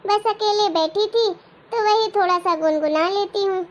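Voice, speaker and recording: A woman voicing a gentle, long-suffering elderly grandmother in a family skit, speaking softly and wearily. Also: extremely high pitch, moderate pace, highs cut off. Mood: resigned. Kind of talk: comic family skit acting.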